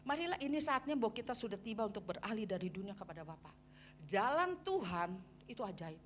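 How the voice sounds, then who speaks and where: A middle-aged woman pastor, preaching a testimony in an animated storytelling way and acting out her past conversations for the congregation. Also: mid-range voice, fast, slight background noise. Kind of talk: sermon testimony.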